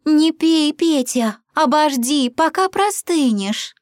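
A woman's voice: high-pitched, animated, takes it slowly, no echo, clean studio sound, pitched above the performer's own voice. A woman voicing a caring hen who anxiously warns her little brother, in a storybook reading. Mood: anxious warning. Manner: pleading, warning. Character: caring hen big sister, anxious and cautioning.

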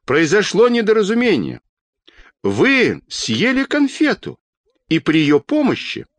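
Man doing a frantic shouting doctor. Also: sits high, wildly swooping pitch, a little slow, dry recording, voice pushed up, full character voice. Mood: desperate. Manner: loud pleading shouting. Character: desperate male children's doctor shouting up. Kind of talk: storybook reading.

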